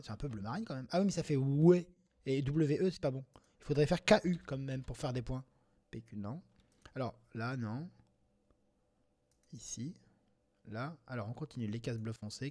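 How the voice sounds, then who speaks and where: A man thinking aloud as he plays Scrabble, quietly muttering through possible words and breaking into sudden excited outbursts when he finds a good one. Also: medium pitch. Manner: mutters word tries half to himself, with sudden excited outbursts. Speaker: Scrabble player commenting on his game. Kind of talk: thinking aloud while playing.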